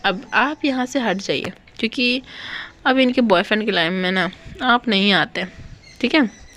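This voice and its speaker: A woman's voice: mid-range voice, unhurried, a bit bright, lightly acted. A woman voicing a possessive young male lion alpha student who talks boastfully and domineeringly. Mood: mocking.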